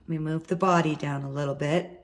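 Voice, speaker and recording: A woman with a low, worn-out, hoarse voice walks through a hands-on wire craft lesson. She is middle-aged and husky, and she talks casually while she works. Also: fairly even intonation, a little fast. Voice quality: husky from vocal cord nodules. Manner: chatty, talks while working with her hands. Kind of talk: step-by-step craft tutorial.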